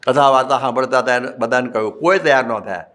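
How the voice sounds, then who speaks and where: A man's voice: mid-range voice, fast, a bit bright. A man with a Gujarati accent, a monk preaching a religious discourse, telling folksy stories with acted quotes and chanted Sanskrit verses.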